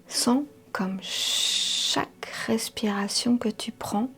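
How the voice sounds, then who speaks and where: A woman leading a guided meditation in a soft, half-whispered voice, soothing, with drawn-out phrases and long pauses. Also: on the high side. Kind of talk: slow guided hypnotic meditation. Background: music.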